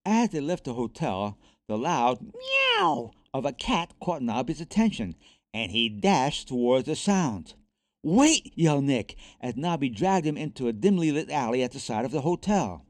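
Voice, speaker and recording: A man reading a children's storybook aloud, expressive and animated. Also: medium pitch, normal speed, no room sound, clean studio sound. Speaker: narrator.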